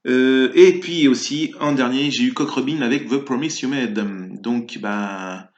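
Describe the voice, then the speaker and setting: A man's voice: medium pitch, measured pace. A man talking in a casual spoken monologue as a spiritual vlogger, rambling and hesitant, full of fillers and restarts. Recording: echoey, slightly muffled room sound.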